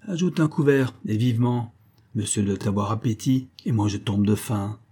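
A man voicing an aging, gruff country gentleman who hunts, speaking brusquely and commandingly. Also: fairly low pitch, moderate pace. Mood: hearty.

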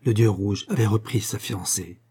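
A man reading a classic adventure novel aloud, with measured, dramatic storytelling. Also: lowish voice, dark tone, slightly rough. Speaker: audiobook reader. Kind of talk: literary audiobook narration.

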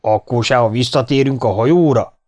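A man's voice: mid-range voice, a little mellow, lightly acted. A man voicing a huge male sailor who speaks for the crew in a blunt, challenging way. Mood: defiant. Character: giant male sailor, defiant spokesman of crew.

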